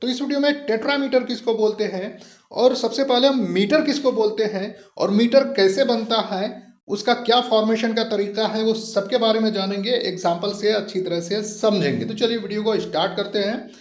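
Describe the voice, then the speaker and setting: A man with a high voice explains a literature lesson patiently, going over each point again and slowing down for key terms. The recording is roomy and echoing, with a dull, lo-fi sound. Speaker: English literature teacher.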